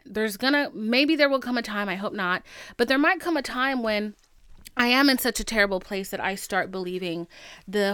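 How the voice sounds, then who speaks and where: A woman's voice: on the high side, a bit bright, clean tone, no echo, studio quality. A woman podcast host chatting casually and confessionally to listeners, candid, slangy and emphatic.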